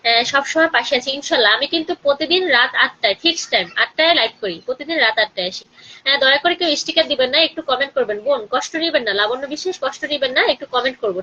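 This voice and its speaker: A woman with a Bangladeshi Bengali accent hosting a live stream, chatting with viewers and urging them to share and comment, sometimes talking softly. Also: high-pitched, muffled recording, a little hiss or hum. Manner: speaking slowly and softly during the call to prayer.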